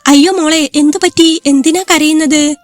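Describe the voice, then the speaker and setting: A woman's voice: high voice, steady tone, normal speed, soft background music, voice pushed up, natural voice. Woman doing a fussing, motherly mother-in-law. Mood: soothing. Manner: fussing, gently scolding. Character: caring middle-aged mother-in-law.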